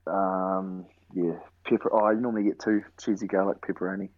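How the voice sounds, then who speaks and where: Speaking as an interview guest, this young rugby player has a broad New Zealand accent and keeps his answers casual, short and slangy. His voice is low, level and brisk, captured with phone-quality sound.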